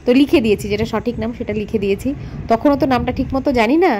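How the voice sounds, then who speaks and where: A woman's voice: fairly high pitch, very fast. A woman, chatting to the camera about her household routine in a casual vlog. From West Bengal, India. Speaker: lifestyle vlogger. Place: family home, indoors and on the road. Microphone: handheld phone camera. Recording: home recording with loud background noise.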